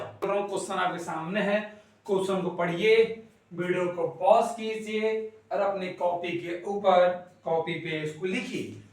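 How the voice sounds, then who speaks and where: A man teaching an online class, playful and rapid, repeating questions and teasing his students. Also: high-pitched. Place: classroom with whiteboard. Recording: loud echo, voice from a distance.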